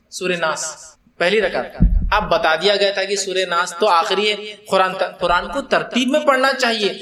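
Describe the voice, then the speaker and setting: A man teaching a conversational religious lecture, lively and acting out worshippers as he explains. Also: high-pitched. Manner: lively, acts out people in the mosque.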